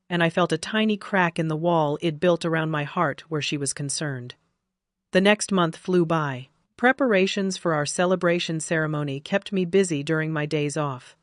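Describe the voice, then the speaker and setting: A woman narrates a first-person family story in a calm, even reading. Her voice is lowish for a woman, and the recording is dry and close to the mic. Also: moderate pace, no room sound.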